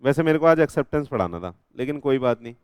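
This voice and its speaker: A man's voice: medium pitch, animated, fast talker, smooth, dry recording, studio quality. A young man with an Indian accent teaching a law revision class, constantly quizzing students and joking with them, mixing Hindi with English legal terms. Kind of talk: live classroom revision lecture.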